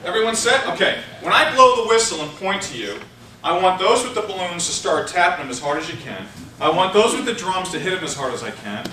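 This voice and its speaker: A man running a live sales training seminar in a large room, animated and playful, shouting instructions to volunteers. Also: high-pitched, a little fast. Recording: echoey room recording from far off, noisy.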